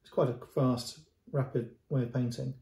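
A man's voice: medium pitch, level tone, moderate pace, mellow. A middle-aged man presenting a painting to camera in casual, unscripted commentary, often repeating words and restarting as he gestures at the canvas. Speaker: antiques dealer. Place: indoor room at home. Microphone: camera at close range. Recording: roomy echo.

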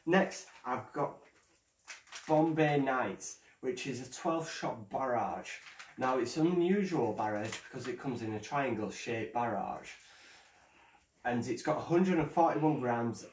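A man hosts a casual show-and-tell vlog, talking in a hesitant, stumbling way, like someone new to the camera. His voice sits at an ordinary middle pitch. It rings in a roomy space and sounds set back from the mic. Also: animated, unhurried, far from the mic. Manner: hesitant, stumbling first-timer. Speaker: fireworks vlogger.

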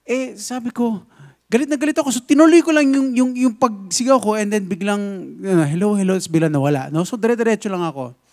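A pastor with a Filipino accent preaching a sermon, telling a lively story and switching between Tagalog and English. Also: high voice, fast talker.

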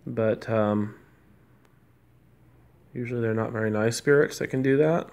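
Loud noise runs over this clip of a man speaking at medium pitch, a little slowly, with vocal fry. He's an amateur paranormal investigator in a hotel room, politely coaxing spirits with hesitant questions.

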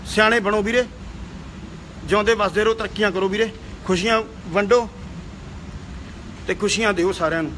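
A man's voice: high voice, fairly even intonation, normal speed, long pauses, a bit bright, a little hiss or hum. A young man, an actor and singer, scolding heatedly in a video rant and repeating himself.

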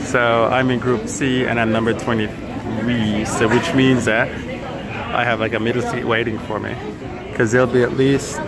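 A middle-aged man giving a chatty running commentary for a casual flight-review vlog, filmed on a handheld camera at arm's length in an airport and plane cabin. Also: medium pitch. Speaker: travel vlogger. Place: busy airport gate and airplane cabin. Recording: loud cabin and airport noise.

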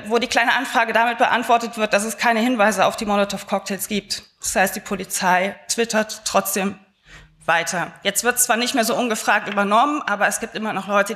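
A woman's voice: a little high, a bit bright. A young adult woman giving a live conference talk, chatty and conversational with frequent filler sounds. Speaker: conference speaker.

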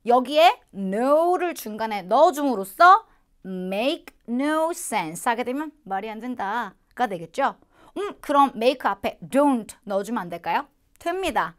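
A Korean woman teaching English phrases to learners, explaining patiently and modeling English phrases slowly. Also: a little high, very animated.

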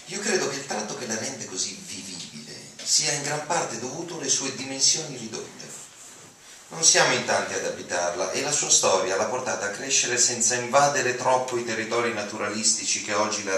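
This reader of literary texts has a lowish voice with a sharp tone, performing prose dramatically and declaiming from a lectern to an auditorium audience. The lectern mic was recorded from a distant camera, so the hall echoes and room noise comes through.

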